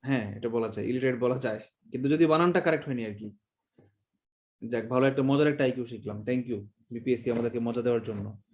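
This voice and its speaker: A man's voice: medium pitch, fast, darkish tone. A Bangladeshi man teaching an online exam-prep class in a chatty, joking way, acting out how words are said. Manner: chatty, joking, demonstrates pronunciations.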